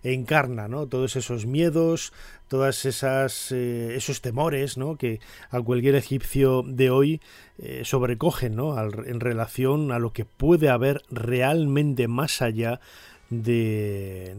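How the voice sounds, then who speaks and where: Male presenter, middle-aged, Castilian accent. Mid-pitched informal commentary, discursive, dry sound. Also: darkish tone, no room sound. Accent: Castilian Spanish. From Spain. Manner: discursive, seeks agreement with tag questions.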